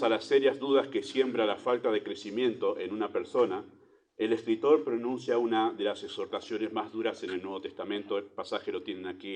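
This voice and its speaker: With a lowish voice and a Rioplatense Spanish accent, a man preaches from the pulpit of a church. Rhetorical questions punctuate his sermon, which swings from loud emphasis to soft asides.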